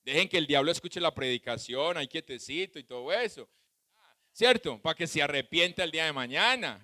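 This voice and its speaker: A male pastor preaching a sermon with a Colombian Spanish accent, swinging between loud shouts and soft asides. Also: on the high side, expressive, fairly quick, no echo.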